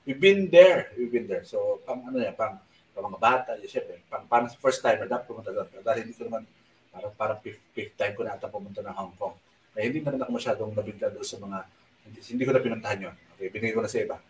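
A man hosting a live stream, telling a rambling travel story in a soft voice with lots of fillers. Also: lowish voice, fast, echoey room, distant mic, slight background noise, poor audio. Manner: speaks softly on purpose at night. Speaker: online show host. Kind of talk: casual live-stream chat.

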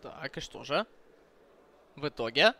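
Bright-voiced man commentating hockey conversationally. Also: on the high side, expressive, measured pace. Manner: conversational, thinking aloud. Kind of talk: live sports commentary with conversational asides to viewers.

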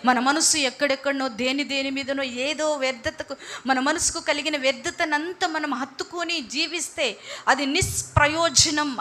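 A woman's voice: sits high, bright, forceful tone. A woman preaching a sermon, exhorting and repeating phrases, asking questions and answering them herself. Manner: repetitive, exhorting, asks and answers own questions.

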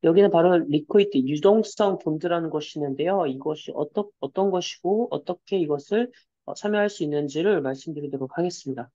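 Interpreter, man, formal polite delivery with hesitations; rapid and slightly high, dull lo-fi recording. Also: warm tone. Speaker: Korean interpreter. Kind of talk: consecutive interpreting in a webinar.

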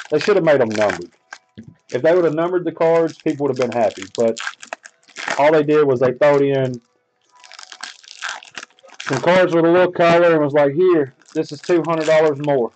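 A man's voice: fairly high pitch, a little mellow, slight background noise, low-quality recording. Casual man running a card break. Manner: loose, profane, rambling talk to viewers. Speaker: sports card break host.

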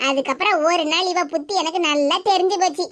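A woman voicing a shrewd older mother-in-law in an animated cartoon, with a Kanyakumari Tamil accent and a scolding, teasing manner. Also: very high voice, quick pace. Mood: confiding. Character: shrewd older mother-in-law, sharp-tongued but kind.

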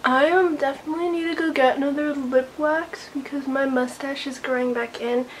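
A woman's voice: sits high, steady tone, moderate pace, a little hiss or hum, poor audio. A teenage girl chatting casually to a handheld camera, full of "like" fillers and a little self-conscious. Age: teens. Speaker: vlogger. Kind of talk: casual vlog chat. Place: bedroom, then car and outdoors. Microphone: handheld camera at arm's length.

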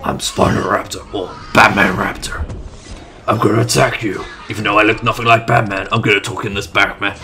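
A man voicing a male raptor dinosaur in a gruff, low superhero-style growl. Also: little pitch movement, brisk, background noise, lightly acted. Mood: menacing. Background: game music.

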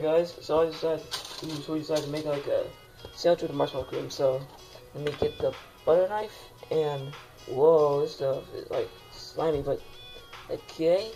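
A young boy filming himself in a home kitchen on a phone, chatty and excitable, full of fillers and calls of "guys". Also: a little high, poor audio. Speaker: home cooking vlogger. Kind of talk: casual cooking vlog. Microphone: phone camera held close.

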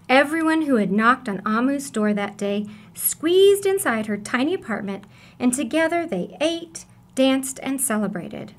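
A woman reads a children's story aloud as a storybook reader, her voice pitched a little high. Her delivery is expressive and deliberate, in true storytelling fashion.

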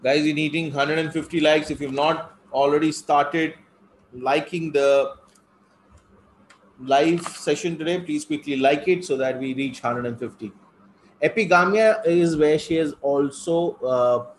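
Male online tutor, North Indian accent, slightly high voice, conversational Hindi-English code-switching, noticeable background noise. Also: a little slow, low-quality recording. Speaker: test-prep teacher. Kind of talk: live online lecture, conversational.

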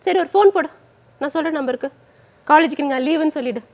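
A woman's voice: sits high, quick pace. A woman acting a younger sister in a scripted comedy sketch, pleading and bickering.

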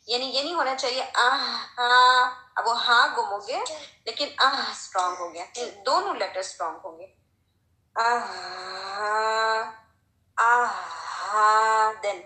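Female recitation teacher, slightly high voice, slow and patient, echoey room. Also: sharp tone. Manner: slow, patient, demonstrates sounds with strong breathy h. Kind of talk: Tajweed lesson.

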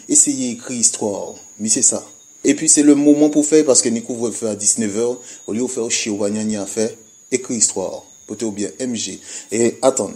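A man from Guadeloupe with a Guadeloupean Creole-French accent, talking to his followers in an animated, emphatic monologue that mixes Creole and French. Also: mid-range voice. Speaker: video creator addressing his followers. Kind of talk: casual monologue to camera.

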